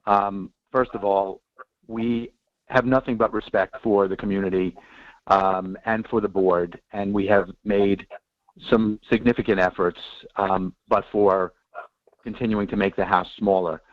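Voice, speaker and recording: A man's voice: on the low side, fairly even intonation, unhurried, no room sound. A man calling in over the phone to address a review board, speaking hesitantly with many ums, earnest and defensive. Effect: heard over the phone line. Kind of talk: public comment at a board hearing. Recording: dull, dry phone-line audio.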